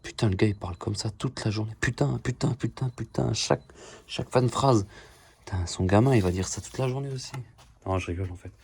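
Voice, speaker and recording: Low-voiced joking French mechanic vlogger. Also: male voice, fast, darkish tone, slightly rough. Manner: joking, swears a lot, talks nonstop. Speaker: DIY car repair vlogger. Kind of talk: casual chatty self-filmed video. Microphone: phone camera.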